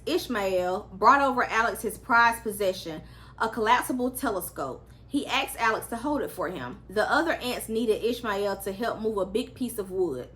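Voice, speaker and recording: A woman's voice: medium pitch, fairly bright tone. A woman reading a children's story aloud as a storyteller, acting out the characters' lines expressively.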